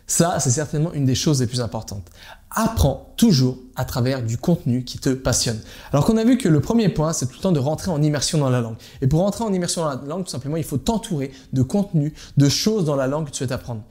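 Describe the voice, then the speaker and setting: In an informal teaching monologue to camera, a man coaches viewers on learning a language, addressing them directly and driving his main points home. His warm, mellow voice sits slightly high for a man, and he talks briskly and with animation.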